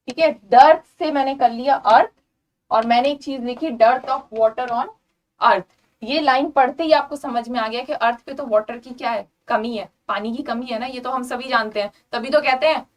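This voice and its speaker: Woman, Indian accent, young, high voice, vocabulary teacher, slow repetition, checks understanding, slightly distant mic. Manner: repeats words slowly and checks understanding with "clear?"; mixes English words and sentences into Hindi explanation. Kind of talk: online exam-prep lesson.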